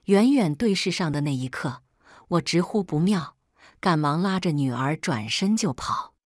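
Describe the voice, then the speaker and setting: A woman narrates a first-person story in an expressive, dramatic reading. Her voice sits low but swings widely, and the sound is close and dry with no room around it. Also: normal speed, no room sound.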